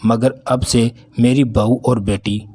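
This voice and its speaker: A stern, bossy middle-aged mother-in-law, as a male storyteller puts her on in a spoken storybook. She scolds and gives orders in a husky, breathy voice at an even, moderate pitch. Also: slow. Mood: caring. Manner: scolding, commanding.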